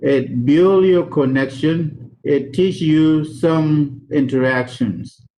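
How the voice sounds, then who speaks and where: South Sudanese man, engineer guest, slow halting advice with faint hiss behind. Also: a little high, mellow, low-quality recording. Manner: slow, halting, repeats words. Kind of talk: advice talk to students.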